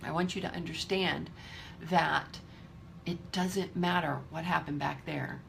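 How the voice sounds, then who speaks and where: A woman's voice: sits low, fairly even intonation, unhurried, creaky, fairly bright tone, a little hiss or hum. A woman in her fifties giving a candid, emphatic motivational talk to her viewers, swearing freely. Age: 50s. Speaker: vlogger.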